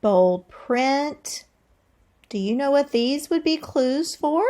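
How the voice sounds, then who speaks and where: A woman teacher with a high-pitched voice reads aloud to young children, deliberate and expressive. She thinks out loud as she goes and asks her listeners questions.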